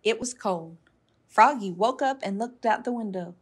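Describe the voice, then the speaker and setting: A woman's voice: mid-range voice, moderate pace, husky. A woman reading a children's storybook aloud expressively, with playful emphasis. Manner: emphatic, playful sound words. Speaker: storytime reader.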